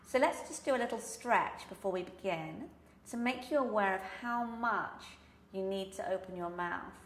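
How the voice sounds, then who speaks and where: A woman's voice: mid-range voice, normal speed. British woman coaching pronunciation, echoey room. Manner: carefully enunciated, demonstrating example words with emphasis. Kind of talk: instructional accent lesson.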